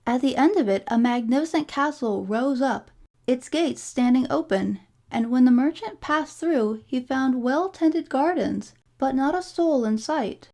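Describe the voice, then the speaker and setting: A woman narrating a fairy tale from a storybook in a measured, formal storytelling delivery. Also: high voice, expressive, dark tone. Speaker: storybook reader.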